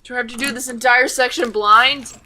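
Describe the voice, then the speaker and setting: A woman hosting a let's play, giving playful, chatty gameplay commentary that drops to low mutters while she puzzles things out. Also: steady tone, brisk, sharp tone. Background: game music.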